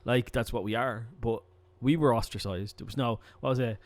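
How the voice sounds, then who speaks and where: A man's voice: medium pitch, normal speed. Rambling Dublin-accented man telling stories. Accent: Dublin Irish. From Ireland. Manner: rambling, animated storytelling with frequent restarts and swearing. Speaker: podcast co-host. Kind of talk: casual chat.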